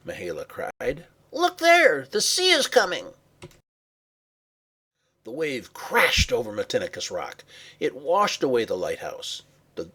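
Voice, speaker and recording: A man reading a children's story aloud with expressive, varied pacing and some hushed passages. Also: mid-range voice, breathy edge. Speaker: narrator.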